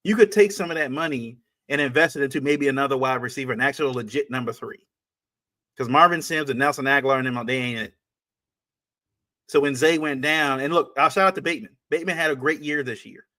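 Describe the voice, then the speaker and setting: A man's voice: mid-range voice, fairly quick, bright, forceful tone. A man co-hosting a sports podcast, talking casually and emphatically, often repeating his points and restarting sentences.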